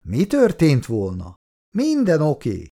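A man's voice: a little high, wildly swooping pitch, creaky, mellow, pitched above the performer's own voice, heavily acted. A man voicing an earnest, lovestruck young soldier who talks apologetically and defensively in an audiobook.

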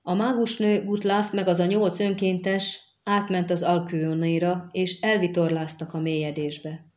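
A blunt, superstitious seafaring man, read by a woman in a low voice for an audiobook. He speaks plainly and barks orders at his crew. The audio is dull and lo-fi. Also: flat delivery, a little mellow, close to an everyday voice. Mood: reporting. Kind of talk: audiobook character reading.

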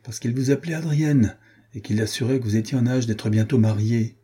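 A man voicing a shy young Huguenot nobleman who speaks gently, in an audiobook reading. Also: medium pitch, a little fast, breathy edge, natural voice. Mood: gentle.

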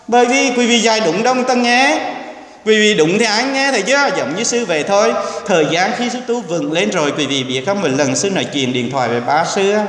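A man's voice: on the high side, fairly bright tone. A man, a Buddhist monk, giving an earnest, exhorting sermon to a temple congregation, now and then dropping in English words. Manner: earnest, exhorting, acts out quoted speech. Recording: echoey hall with long reverb.

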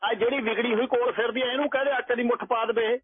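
A sharp-tongued village woman, voiced by a man scolds in a high, husky voice. The sound is tinny, like a phone line. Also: steady tone, quick pace, no echo. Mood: scolding.

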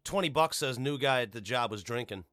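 A man chatting casually as a podcast co-host, profane and joking, prone to excited gasps. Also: medium pitch, a little fast. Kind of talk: casual chat.

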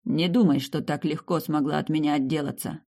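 A woman reading the lines of a stubborn, brooding young nobleman who answers in short hushed retorts. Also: steady tone. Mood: curt, hushed. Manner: low hushed retorts, slow and clipped. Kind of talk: audiobook character reading.

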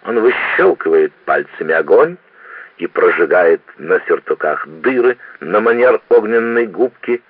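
A man's voice: sits low, big pitch swings, unhurried, breathy edge, no room sound, phone-quality sound, exaggerated voice. A man doing a blustering, tipsy official. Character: boisterous, combative male official.

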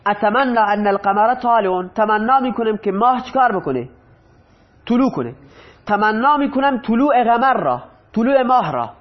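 A man teaching a grammar class. He reads example sentences slowly, translates them, and asks the class questions that he answers himself. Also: high voice. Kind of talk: Arabic grammar lesson explained in Persian. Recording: dull lo-fi recording.

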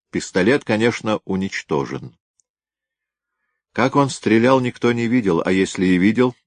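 A man's voice: sits low, dry recording, heavily acted. Man voicing a musing veteran detective. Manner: musing, unhurried. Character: seasoned, thoughtful senior police detective, man.

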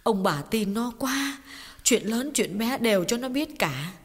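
A woman's voice: fairly high pitch, expressive, unhurried, slightly rough, full character voice. A woman voicing a sorrowful middle-aged mother recounting a family tragedy in an audio story. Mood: bitter. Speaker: audiobook voice actor. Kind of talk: audiobook drama reading. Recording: long reverb with faint music.

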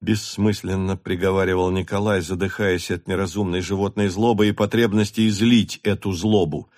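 A man narrating a literary audiobook in a steady, measured way. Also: sits low.

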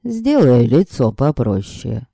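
A man doing a sly teasing young man, pitched low. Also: very animated, slow pace, vocal fry, warm tone, no room sound, clean studio sound, exaggerated voice. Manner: ironic, mocking drawl.

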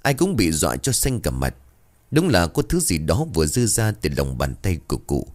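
Low-voiced man telling a ghost story. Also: very animated, moderate pace. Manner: dramatic, suspenseful storytelling. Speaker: narrator.

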